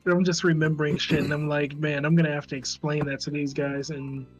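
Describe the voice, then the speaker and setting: A man's voice: fairly high pitch, little pitch movement, brisk, soft background music, rough recording. A man streaming a visual novel, reading its narration aloud in a casual way, often breaking off to laugh and swear.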